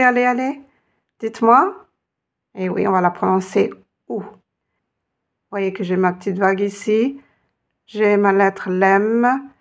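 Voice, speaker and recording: A woman teaching Arabic reading, patiently encouraging her students and drawing out each sound. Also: mid-range voice. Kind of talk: reading lesson.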